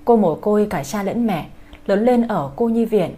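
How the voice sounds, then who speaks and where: Husky-voiced woman hosting an audiobook channel. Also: medium pitch, lively intonation, normal speed, mellow. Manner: polite, formal address to listeners. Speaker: channel host. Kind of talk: scripted audiobook introduction.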